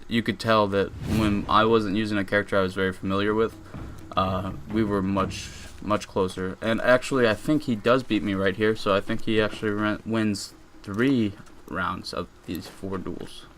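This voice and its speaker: A man's voice: on the low side, fairly even intonation, moderate pace, fairly bright tone, a little hiss or hum. A young man rambling casually through a voice-over commentary on his own game footage, with lots of fillers and restarts. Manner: rambling and laid-back, with many fillers and restarts.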